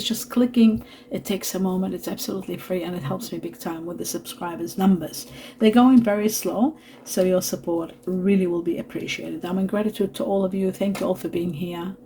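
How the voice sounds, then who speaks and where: A woman giving a spiritual tarot reading to her viewers, talking softly and reassuringly, pausing with fillers and asides. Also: mid-range voice, slight background noise. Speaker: tarot reader. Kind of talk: spiritual card reading to camera.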